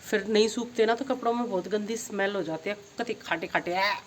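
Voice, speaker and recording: A middle-aged woman, chatting casually in a home vlog and telling stories with lively energy. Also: mid-range voice, brisk, slight background noise. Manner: chatty storytelling, grows excited retelling events. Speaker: vlogger.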